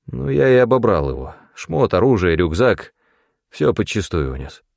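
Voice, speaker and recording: Brief: male audiobook narrator, low and expressive, first-person story read, dry booth sound. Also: normal speed, gravelly, no room sound.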